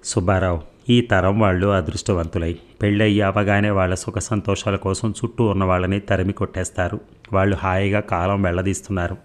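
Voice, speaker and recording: A weary old father, resigned and quiet, in a storybook read aloud, as the narrator puts him on. The voice is low and deep throughout. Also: flat delivery, a little fast, close to an everyday voice. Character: weary elderly father living with his son.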